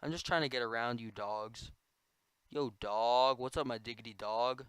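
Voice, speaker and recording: A young man giving goofy, excitable commentary while playing a computer game, prone to sudden yelling. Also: medium pitch, moderate pace, smooth, no room sound, low-quality recording. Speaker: gamer. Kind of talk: gameplay commentary.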